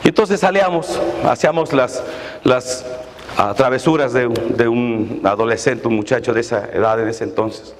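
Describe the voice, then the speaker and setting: A man in his forties, a pastor preaching a sermon with rising intensity and occasional shouts. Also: medium pitch, moderate pace. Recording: echoey hall, faint noise.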